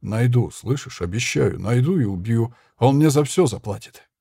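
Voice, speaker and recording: Narrator doing a rough mercenary guy, clipped and urgent, dark husky voice. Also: mid-range voice, expressive, normal speed, no room sound. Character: rough male mercenary, gruff and protective.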